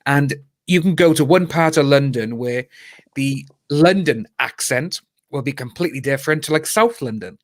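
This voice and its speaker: This man from Wales, in his thirties with a Cardiff accent, is a jokey video-call guest who laughs often and says "mate" in casual chat. His mid-range voice is expressive and moderately paced. The sound is studio quality with no echo.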